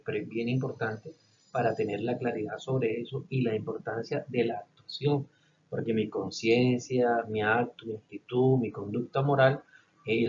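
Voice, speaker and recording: Male teacher giving a recorded lecture, animated, acts out examples; dull lo-fi sound with faint hiss. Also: medium pitch. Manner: animated, acts out little scenes with a policeman's threats.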